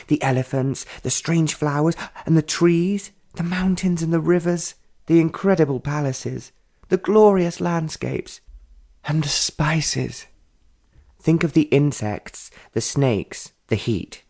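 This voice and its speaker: Brief: male narrator voicing a curious, outspoken young woman artist, raised pitch, warm tone. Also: slow pace. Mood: eager. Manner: eager, direct questioning. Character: eager, curious, blunt young woman painter.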